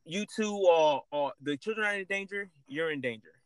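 Man, casual chat, rambling fillers, high pitch, dry sound. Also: lively intonation, normal speed, clean tone, dry recording. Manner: rambling, many repeated fillers.

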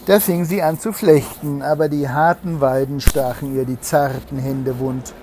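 A man reading a fairy tale aloud to a child, pausing to explain the story gently. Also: medium pitch, fairly even intonation, a little hiss or hum.

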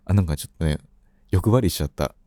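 Guy telling stories on a late night radio show, easygoing, deep mellow voice, dry mic. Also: fast, no echo. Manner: easygoing storyteller, acts out quoted phone talk. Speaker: radio corner host. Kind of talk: casual radio chat.

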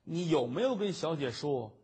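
A man voicing a flustered, lovesick young scholar who stammers and gets easily excited, in traditional comic storytelling. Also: fairly high pitch, normal speed, slightly rough, exaggerated voice. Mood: timid.

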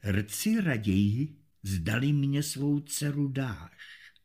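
A man's voice: medium pitch, animated, a little mellow. A man doing a proud, stern medieval knight. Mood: angry. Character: proud hot-tempered male knight. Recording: faint music behind.

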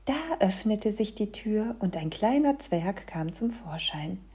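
A woman telling a children's story with a very lively, sing-song melody. Her voice is mellow and soft-edged, and slightly husky. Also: mid-range voice, unhurried. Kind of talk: storybook reading aloud.

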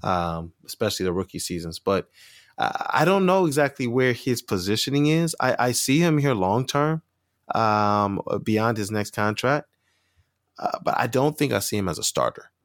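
Low-voiced man, hesitant podcast guest. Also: animated, normal speed, no echo, studio quality. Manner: hesitant, many fillers and repeats. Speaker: podcast guest, sports media member. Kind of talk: casual sports podcast chat.

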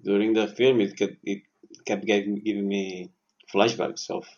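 A man's voice: on the low side, flat delivery, normal speed, darkish tone, highs cut off. A man co-hosting a podcast, telling a story in a loose, laughing way. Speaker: podcast co-host. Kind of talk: casual storytelling.

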